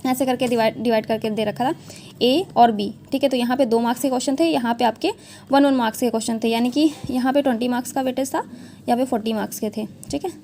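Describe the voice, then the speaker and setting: A woman's voice: on the high side, steady tone, fast talker, mellow, slight background noise. A young woman talking through an exam analysis in a casual, chatty way, often checking in with her viewers and mixing English into her Hindi. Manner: chatty, repeats "theek hai" often, mixes English into Hindi. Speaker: exam prep educator.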